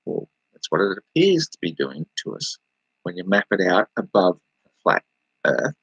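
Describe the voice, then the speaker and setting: A man's voice: low-pitched, big pitch swings, normal speed, vocal fry, a bit bright, husky, dry recording, lo-fi sound. An Australian man rambling casually on a livestream, answering viewers and laughing as he talks. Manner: rambling, laughing, talking back to chat.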